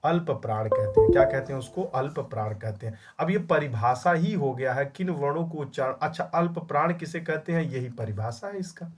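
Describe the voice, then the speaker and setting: A man's voice: medium pitch, brisk, hardly any pauses, faint music behind. A young man teaching a Hindi grammar exam-prep class, scolding his students and drilling answers by repeating each question. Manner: scolding, calls students "my child". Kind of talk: online class lecture.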